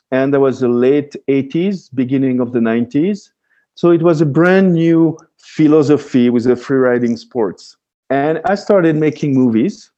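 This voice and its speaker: Hesitant Swiss man with a mellow voice. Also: medium pitch, dull audio. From Switzerland. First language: French. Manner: hesitant, many restarts and fillers. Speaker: guest, freeride skier. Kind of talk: casual interview talk.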